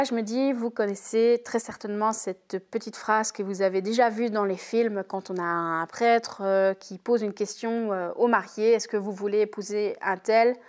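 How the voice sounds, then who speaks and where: Woman, English teacher, measured deliberate delivery. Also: medium pitch. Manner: slow, careful, repeats English example phrases clearly. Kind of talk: recorded language lesson.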